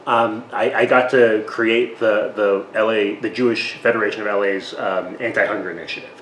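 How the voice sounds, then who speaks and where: A man's voice: fairly low pitch, fairly even intonation, normal speed, fairly bright tone. A middle-aged man from Taiwan, a guest in an interview, talking in a self-deprecating way with many restarts. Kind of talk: casual interview. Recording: echoey room with faint noise.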